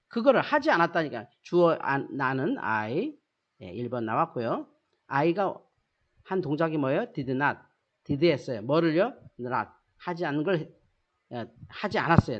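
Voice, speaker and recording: A teacher giving a recorded grammar lesson, asking rhetorical questions, answering them, and repeating key phrases to drill them in. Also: mid-range voice. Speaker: English teacher. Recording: dull lo-fi sound.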